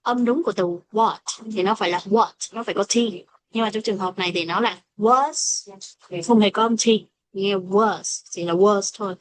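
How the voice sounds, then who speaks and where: A woman with a Vietnamese accent teaches English pronunciation in a classroom style. She explains each point, then slows down to model example phrases carefully. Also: medium pitch.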